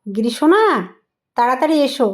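A woman playing a mother in a doll role-play vlog, coaxing and affectionate, gently scolding. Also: high voice, animated, a little fast.

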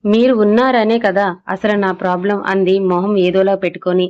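Woman storyteller, audiobook narration, mid pitch, slightly dull lo-fi audio. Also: little pitch movement, moderate pace. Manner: reads all characters in her own voice with little change.

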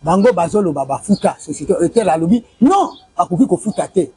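Talking fast in a high, husky, mellow voice with lively intonation, this man gives a street interview in a courtyard outside a building. He's Congolese, in his forties, wearing a lapel mic, and he presses his complaint about a family money dispute, repeating dates and figures and waving papers. There's no echo.

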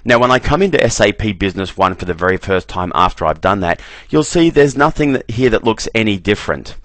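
A man giving a relaxed screen-recorded software walkthrough, often repeating "very, very" as he clicks through menus. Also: lowish voice, fast talker, no room sound. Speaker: software trainer.

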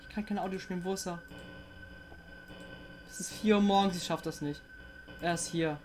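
A woman playing a horror game and commenting, jumpy and excitable, often swearing and coaxing the monster on screen. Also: lowish voice, moderate pace. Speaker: let's player.

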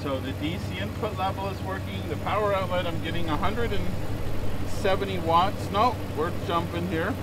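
A middle-aged man giving a casual product demonstration outdoors, shouting over a running truck engine. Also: sits high, moderate pace, heavy background noise. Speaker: host of an RV camping channel reviewing gear. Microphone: camera a few steps away. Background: running truck engine, music.

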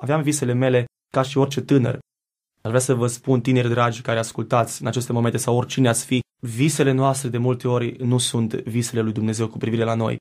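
Creaky-voiced man giving earnest testimony. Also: medium pitch, little pitch movement, a little mellow. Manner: earnest, reflective, with hesitant restarts. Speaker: guest singer. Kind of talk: personal faith testimony. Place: TV studio.

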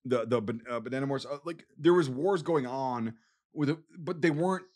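Heard on a laid-back podcast about war history, a co-host from Wisconsin, USA, makes emphatic explanations in a Wisconsin accent and curses often. He speaks at normal speed in a medium-pitched, slightly mellow voice.

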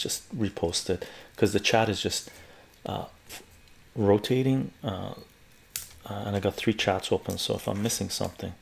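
A man's voice: fairly low pitch, creaky. An older man from Canada's West Coast chatting casually on a home live stream while peeling garlic, rambling and repeating phrases. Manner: relaxed, rambling, repeats phrases, laughs often. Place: living room at home, indoors.

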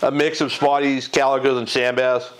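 The audio is poor, with slight background noise, as a middle-aged man hosts a casual fishing report from his garage in front of a green screen. His mid-range voice is flat and normal in pace, and he talks unscripted into a lapel mic, wandering with many fillers, restarts and self-corrections.

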